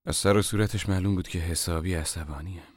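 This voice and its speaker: A man narrating a story in a measured telling voice, stepping into polite dialogue. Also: low voice, fairly even intonation, no room sound, studio quality. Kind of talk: scripted audiobook narration.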